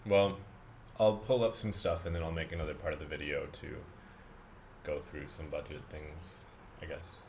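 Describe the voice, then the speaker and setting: A man chatting casually and unscripted for a vlog, rambling and halting, with self-deprecating asides. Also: a bass voice, fairly even intonation, slight background noise. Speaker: vlogger.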